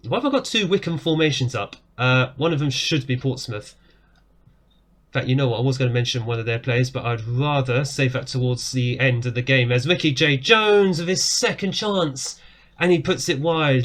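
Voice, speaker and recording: A game streamer gives casual commentary from his desk in a small indoor room, shot in webcam framing. His medium-pitched voice is strained and going hoarse, and he gets excitable, leaping up whenever a goal is scored.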